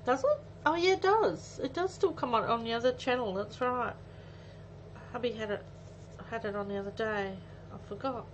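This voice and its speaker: A craft livestream host in her forties talks casually to viewers at a moderate pace, her pitch fairly high. She thinks aloud throughout the live demonstration. Faint background noise sits under muffled audio.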